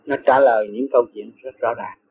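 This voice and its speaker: A man's voice: mid-range voice, fairly even intonation, a little fast, background noise. An older man telling stories of his younger days in a casual interview, rambling and repeating words as he goes. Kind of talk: casual storytelling. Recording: muffled phone-like recording.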